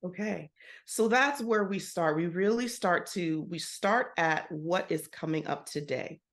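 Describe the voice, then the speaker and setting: A woman's voice: fairly low pitch, unhurried. A woman guest on a podcast interview, a coach who explains her method by telling client stories and acting out the dialogue. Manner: storytelling, acts out client dialogue. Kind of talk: conversational interview.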